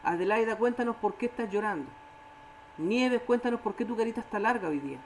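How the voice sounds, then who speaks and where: A woman with a Chilean Spanish accent leading a church Bible study, animated, acting out quoted voices and often checking in with her listeners. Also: fairly high pitch, brisk, slight background noise, rough recording.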